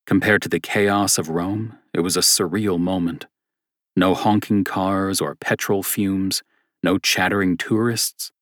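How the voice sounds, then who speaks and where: A male audiobook narrator reads in a steady, measured way. His voice is very low and close-miked, with a dry, dead sound and no room around it. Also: no room sound.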